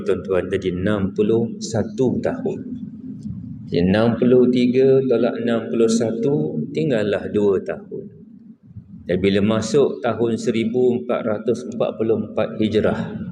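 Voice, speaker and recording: A man in his fifties with a Malaysian Malay accent, giving a measured mosque lecture and putting rhetorical questions to the congregation. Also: on the low side, noisy background. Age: 50s. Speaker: preacher. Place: mosque prayer hall.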